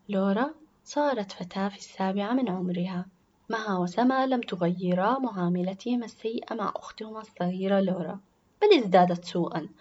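A woman narrating a children's story in a soft, half-whispered voice. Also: mid-range voice. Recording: dull lo-fi recording.

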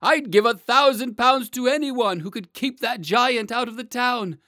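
A man reading aloud, voicing a fearful, pompous male mayor in a high, loud voice. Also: measured pace, dry recording, clean studio sound, heavily acted. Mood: pleading.

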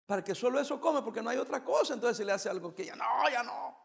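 Pastor guy from el salvador joking thru a sermon, high gravelly voice, big echoey hall. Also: lively intonation, quick pace. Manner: playful, teasing preaching with bursts of emphasis.

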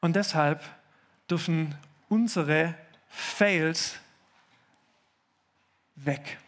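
A man preaching a sermon in a church service, earnest and slowing down to stress key phrases. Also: a little high, fairly bright tone. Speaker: pastor.

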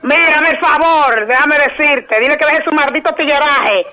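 A man's voice: normal speed, pushed and bright, heavily acted. A man pranking on air, voicing a furious, foul-mouthed jealous woman with a Dominican accent. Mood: scolding. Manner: shrill, scolding, mocking insults. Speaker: radio prankster.

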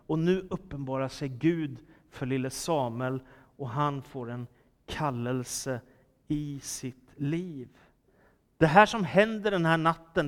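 A man's voice: fairly high pitch, a bit bright. Earnest male preacher in a reverberant church. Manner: earnest, emphatic, reads Scripture aloud. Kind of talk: sermon.

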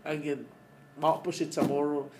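A man from the Mariana Islands with a Chamorro accent is a podcast guest, talking casually and emphatically in a mix of English and Chamorro and often repeating his words. His voice is fairly high pitched at a normal pace, with steady ambient noise in the background.

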